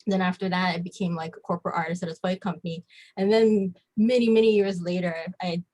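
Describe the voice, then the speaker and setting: This comic book artist from Hawaii, a podcast guest, relates her own story in a relaxed interview, peppering it with "like." She talks fast, with a low, level, dark-toned voice.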